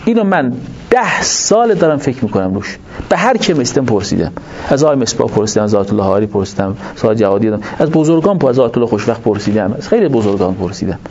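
A man giving a religious lecture to an audience, explaining points in an animated way and asking rhetorical questions. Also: mid-range voice. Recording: dull lo-fi recording with faint noise.

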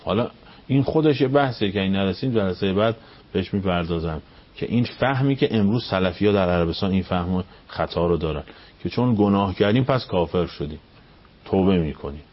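Man, cleric, religious lecture, rhetorical questions, passionate swings from high to hushed, lowish voice, muffled radio audio. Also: lively intonation. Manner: impassioned, rising up high on questions, then dropping to near-whispers. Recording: dull radio broadcast sound.

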